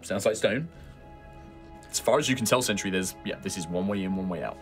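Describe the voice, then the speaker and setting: A man's voice: deep voice, brisk, soft background music. A man improvising narration as game master of a tabletop game, addressing the players conversationally.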